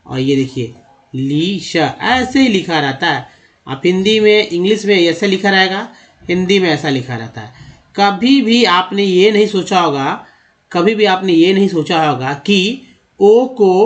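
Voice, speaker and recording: A man with a fairly high voice teaching how to read English words. He goes step by step, repeating each word and asking questions before answering them. His tone is that of a patient spoken lesson.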